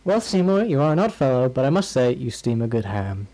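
A stern, suspicious cartoon superintendent, as a man puts him on, clipped and gruff. His tone stays dry and skeptical throughout. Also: mid-range voice, big pitch swings, brisk, dark tone, close to an everyday voice. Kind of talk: recited cartoon impression.

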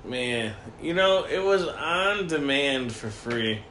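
A man's voice: medium pitch, animated, takes it slowly, bright, forceful tone, roomy sound, slight background noise. A man co-hosting a casual podcast chat from home, profane and rambling, laughing often, while nursing a broken foot. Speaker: podcast co-host. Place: home room with a dog nearby.

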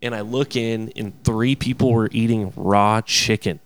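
Smooth-voiced young man telling a story. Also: on the low side, measured pace, no room sound. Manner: animated, profane, laughing between phrases. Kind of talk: casual storytelling.

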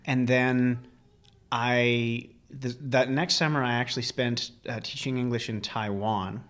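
A man's voice: medium pitch, steady tone, unhurried, fairly bright tone. Man in his early thirties reminiscing in a garage. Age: early 30s. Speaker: interview guest. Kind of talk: casual personal recollection. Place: recorded in a friend's garage during a barbecue.

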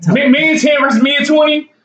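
A high-voiced young man with a St. Louis accent, in animated casual chat with friends. He stammers and restarts constantly and talks fast. The room sounds roomy, and the audio is a bit muffled. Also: distant mic, a crowd in the background. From St. Louis area, United States. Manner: animated, stammering restarts, laughing while talking.

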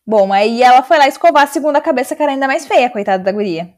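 A Brazilian woman podcast host reading a story aloud and breaking off for expressive, dramatic commentary. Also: high-pitched, quick pace. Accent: Brazilian Portuguese.

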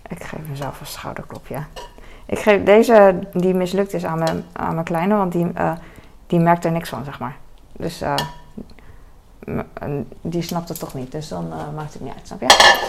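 At a measured pace, a woman with a low, creaky voice rambles casually through a cooking vlog, joking at her own expense and leaning on fillers. She's in her home kitchen, where frying and sizzling from the pan make the recording noisy.

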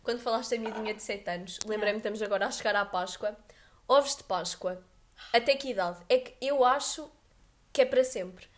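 A young woman with a European Portuguese accent, co-hosting a podcast in casual chat, animated and quick to laugh. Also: mid-range voice. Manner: chatty, laughs often, animated storytelling. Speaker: podcast co-host.

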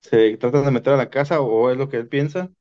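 A podcast guest with a Mexican Spanish accent rambles through paranormal stories in casual conversation, often restarting his sentences. His voice is medium-pitched and fairly quick, and the recording has a dull, lo-fi quality.

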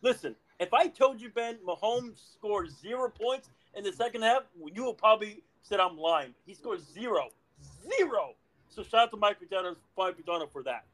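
A man's voice: high voice, expressive, normal speed, fairly bright tone. A young man with a slightly raised voice hosts a casual sports podcast. He talks in a playful, teasing way and fires questions at his co-host.

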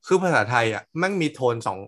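A man's voice: mid-range voice, sing-song, fast talker, a bit bright. A man co-hosting a casual chat, talking in loose, crude slang. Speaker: co-host.

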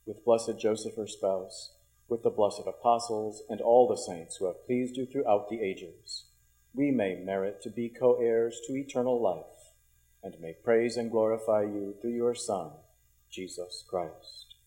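Low mellow-voiced priest at prayer. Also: male voice, low-quality recording. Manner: measured, reverent, formal delivery. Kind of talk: liturgical prayer, recited solemnly. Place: inside a church.

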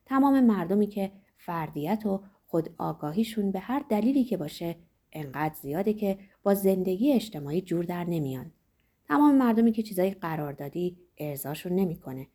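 A measured, ironic older man in authority lectures the young, voiced by a woman reading a novel aloud. The voice sits lower than her narration and stays husky and warm, with lively rises and falls as he explains. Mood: reflective. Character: stern older male world controller, ironic.

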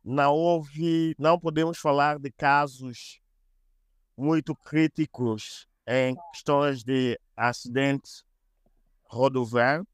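A man chatting as a podcast guest, explaining things deliberately and repeating phrases. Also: medium pitch, fairly even intonation, smooth, no echo, clean studio sound. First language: Portuguese. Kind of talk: casual explanatory chat.

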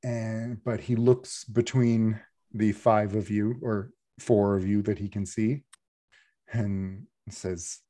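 A man working as game master, casually narrating a tabletop game in a halting, thinking-aloud way. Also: lowish voice, little pitch movement, dark tone, no echo, clean studio sound.

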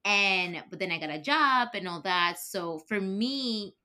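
A woman's voice: mid-range voice, animated, measured pace, pushed and bright. A young woman from Ecuador hosting a podcast interview, chatting casually and often checking in with "right?". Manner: affirming, many "right?" and "mm-hmm". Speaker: podcast host.

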